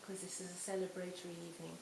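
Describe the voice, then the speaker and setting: A woman in her sixties giving a reflective Buddhist talk to a retreat audience, her phrases often trailing off softly. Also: on the low side, flat delivery, rapid-fire, creaky. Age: 60s. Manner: reflective, warm storytelling with soft trailing phrase ends. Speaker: Buddhist teacher. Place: retreat hall. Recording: roomy hall, faint hiss.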